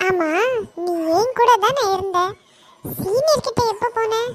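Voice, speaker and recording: A woman's voice: very high-pitched, measured pace, faint music behind. A woman voicing a teasing, loyal college girl friend in a cartoon. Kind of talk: Tamil cartoon voice acting.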